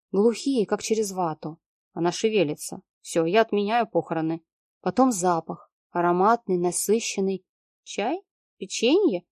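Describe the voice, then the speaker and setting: A woman's voice: mid-range voice, warm tone, no echo, clean studio sound. A young woman reading a first-person story aloud as narrator.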